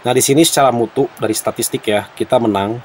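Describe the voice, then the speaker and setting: A man with an Indonesian accent doing casual game commentary for viewers, halting and clearing his throat as he smokes while talking. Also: medium pitch, a little mellow, slight background noise. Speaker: gaming content creator.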